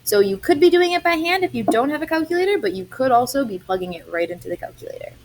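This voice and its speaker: A woman's voice: sits high, sing-song, fast talker, a little hiss or hum. A young adult woman, a math teacher, explaining algebra step by step in a chatty recorded lesson.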